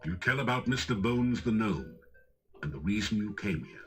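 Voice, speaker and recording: A man's voice: on the low side, expressive, normal speed, fairly bright tone, soft background music. A man giving wry, scripted second-person narration for a video game.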